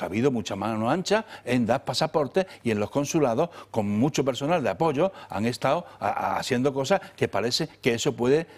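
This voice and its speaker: A man on a political panel, explaining a legal dispute in a measured way with some restarts. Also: mid-range voice. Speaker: political commentator.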